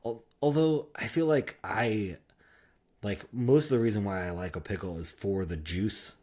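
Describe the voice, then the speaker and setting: Husky-voiced laid-back man chatting. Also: fairly low pitch, moderate pace, darkish tone. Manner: laid-back, rambling with fillers. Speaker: podcast co-host. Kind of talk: casual chat. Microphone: podcast microphone.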